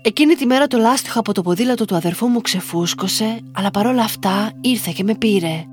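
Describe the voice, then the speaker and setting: A woman reading a listener's first-person story aloud in slow, measured scripted narration. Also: mid-range voice, darkish tone, faint music behind.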